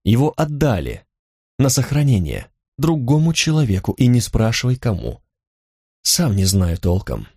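A weary, guarded young man who keeps his words quiet and dry, as read by a male narrator. His voice sits at a middling pitch, recorded close with no room around it. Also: wildly swooping pitch, moderate pace, slightly rough, no echo, full character voice.

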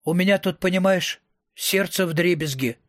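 A man reading aloud who voices a laid-back young man with a low-key, deadpan delivery. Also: normal speed, no room sound, clean studio sound.

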